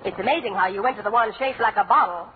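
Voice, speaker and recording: An actress playing a devoted, long-suffering wife in a 1940s-style radio comedy, sweet and gently teasing. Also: female voice, mid-range voice, racing, close to an everyday voice. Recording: tinny, hissy old radio broadcast.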